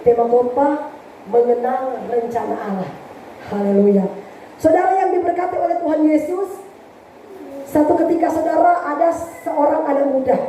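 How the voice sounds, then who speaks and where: High-voiced woman preaching in an echoey church. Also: a little hiss or hum. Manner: storytelling, animated, addressing the congregation. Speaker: pastor. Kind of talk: sermon. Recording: echoey church hall from far off.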